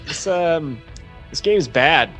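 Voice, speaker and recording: A man's voice: a little high, animated, slow, a bit bright, soft background music, poor audio. A man co-hosting a podcast in casual chat, blunt and wry, with many fillers, on a podcast mic. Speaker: podcast co-host.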